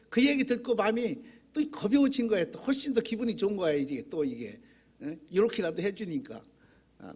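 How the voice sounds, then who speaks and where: A man's voice: a little high, darkish tone, breathy edge. A man preaching a sermon as pastor, talking in a conversational, folksy way, telling humorous stories and putting rhetorical questions to the congregation in a church. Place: church sanctuary.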